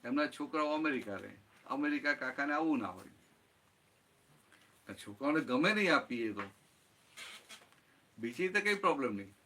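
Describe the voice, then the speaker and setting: Bright-voiced man giving a satsang talk. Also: mid-range voice, expressive, normal speed, pauses often, slight background noise. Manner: explains with everyday examples and checks in with listeners often. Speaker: spiritual teacher. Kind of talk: satsang talk answering a question.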